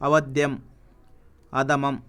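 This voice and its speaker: Telugu-accented guy reading words and meanings one by one, flat and unhurried. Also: medium pitch, clear, resonant tone. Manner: reads each word then its meaning, with pauses. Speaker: teacher reading a word list.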